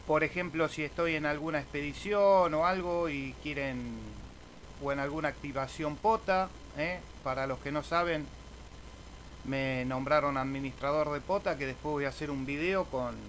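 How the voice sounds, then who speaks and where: A man with an Argentine Spanish accent, an amateur radio operator and video host, walks through an informal screen tutorial, hesitating and tacking on little checking tags. His voice is fairly high and fairly bright at a normal speed. The audio is poor, with a bit of hiss or hum.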